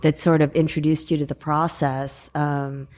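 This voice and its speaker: Low-voiced woman speaking hesitantly. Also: flat delivery, moderate pace, darkish tone. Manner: hesitant, many ums and you-knows. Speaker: guest, in-house writer. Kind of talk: casual chat.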